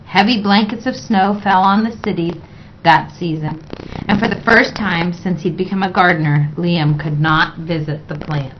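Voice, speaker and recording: A woman reading a children's picture book aloud in a measured, expressive way. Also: fairly low pitch, slight background noise. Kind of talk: read-aloud children's story narration. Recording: dull, lo-fi sound.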